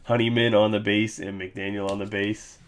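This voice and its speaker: A man's voice: fairly low pitch, level tone, moderate pace, a little hiss or hum. A man hosting a live card break, casually recapping hits with loose jokes and asides. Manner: loose, joking, reads off card names.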